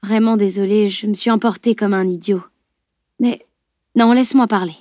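A woman reading the voice of a remorseful young man apologizing softly in an audiobook. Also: mid-range voice, steady tone, normal speed, no room sound, clean studio sound, natural voice. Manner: soft, apologetic.

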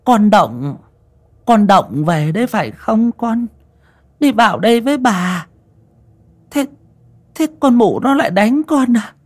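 A man's voice: high-pitched, animated, takes it slowly, pauses often, pitched above the performer's own voice, full character voice. A man voicing a frail old grandmother in her seventies or older who calls out in a thin, quavering voice. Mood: pleading. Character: frail, thirsty old grandmother, pleading and tender.

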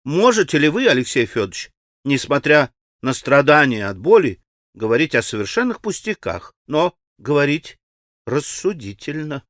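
A man voicing an impetuous, bossy teenage girl who speaks in a loud, commanding, urgent way. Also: on the high side, very animated, moderate pace, no room sound, clean studio sound. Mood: imperious.

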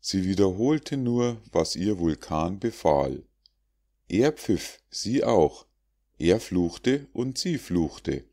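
A man narrating an audiobook of rhymed fables in a deep, low voice. He reads slowly and deliberately, giving the verses a measured, declamatory cadence. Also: sing-song, warm tone.

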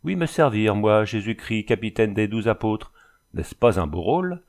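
A man's voice: fairly low pitch, big pitch swings, normal speed, darkish tone. A man reading a storybook voices a tall, cold bandit chief with a Flemish accent, speaking in a smiling, sing-song, commanding way. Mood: coolly threatening.

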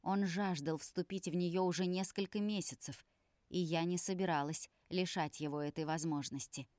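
A woman narrating a first-person audiobook in a measured, somber manner. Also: lowish voice, steady tone, a little mellow, no echo, studio quality.

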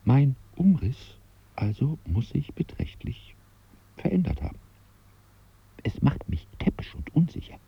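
A man's voice: sing-song, a little slow, long pauses, breathy edge, in a whisper, muffled recording, exaggerated voice. An actor playing a self-conscious man who narrates his unease with his own body, in a radio drama. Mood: brooding. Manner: brooding inner monologue, bursts into shrill rage. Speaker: first-person narrator of a radio play.

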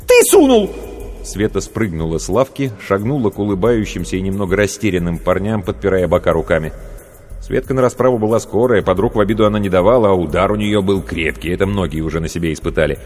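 A man narrating a story as an audiobook in an expressive storytelling manner. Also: low voice, fast talker. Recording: long reverb, faint music.

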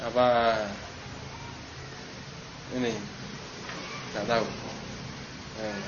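A man's voice: fairly low pitch, little pitch movement, a little slow. Guy teaching arabic grammar to a class, quizzes students, dull hissy recording. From Indonesia. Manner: questioning students, stressing drill words. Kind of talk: classroom lesson.

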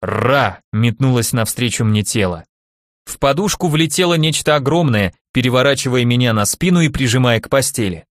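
A man narrates a fantasy audiobook in the first person, wry and deadpan. His pitch sits at a plain middle range for a man. The recording is dry and close, with no room sound at all. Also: a little fast, dry recording.

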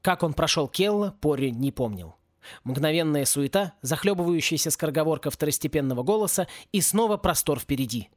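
A man's voice: on the high side, expressive, a little fast, no echo. Male audiobook reader, dry and close. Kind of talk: audiobook narration.

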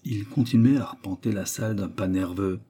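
A man narrating a classic novel as an audiobook, in measured, even storytelling. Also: lowish voice, husky. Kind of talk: scripted literary narration.

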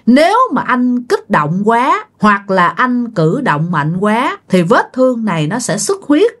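A woman doing a firm, calm male doctor. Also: on the high side, measured pace. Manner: instructive, firm. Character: calm male doctor giving stern orders.

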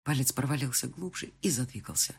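A woman narrating a first-person romance audiobook expressively, jumping to high, loud lines in the dialogue. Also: animated, fairly quick, vocal fry, slightly rough.

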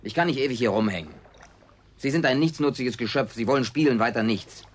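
An actor playing a stubborn, naive small-town man in radio drama dialogue, blunt and gruffly reproachful. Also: medium pitch, expressive, a little fast, a little hiss or hum, natural voice. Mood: defiant. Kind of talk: naturalistic German radio play dialogue.

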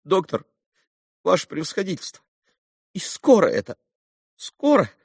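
A frantic begging old army captain, very high. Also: male voice, wildly swooping pitch, unhurried, creaky, breathy edge, no echo, clean studio sound, exaggerated voice. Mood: pleading. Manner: frantic, imploring. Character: desperate poor male army captain, pleading.

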